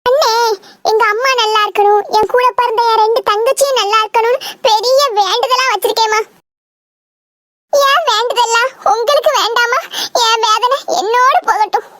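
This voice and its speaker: Cartoon prankster boy, sly and mock-pious, very high squeaky voice, played by a voice actor. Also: pushed and bright. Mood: pleading. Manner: drawn-out, theatrical prayer delivery. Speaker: voice actor for all characters. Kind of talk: Tamil cartoon comedy voice acting.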